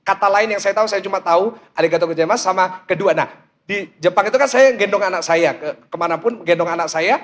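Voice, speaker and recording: A man's voice: sits high, quick pace. A middle-aged man, preaching as a pastor in a comic storytelling style and acting out the voices he quotes. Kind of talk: storytelling sermon.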